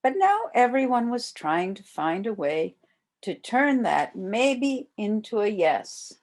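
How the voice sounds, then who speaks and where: An older woman reading a children's storybook aloud as a volunteer, with expressive delivery aimed at young children. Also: mid-range voice, takes it slowly.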